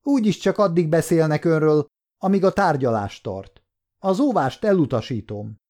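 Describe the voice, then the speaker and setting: A man's voice: fairly high pitch, animated, darkish tone, voice pushed up, natural voice. A man voicing a firm, dryly humorous male judge presiding over a trial in an audiobook story. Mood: stern. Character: stern but dry-witted male judge.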